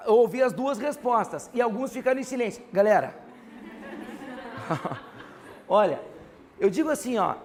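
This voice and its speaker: A man with a Brazilian Portuguese accent teaching a grammar class, animated and constantly prompting his students to answer. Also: very high-pitched.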